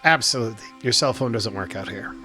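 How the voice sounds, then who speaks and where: A man's voice: medium pitch, fast, bright, forceful tone. Joking male game master over faint music. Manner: joking, rambling with many hedges. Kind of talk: casual tabletop game narration.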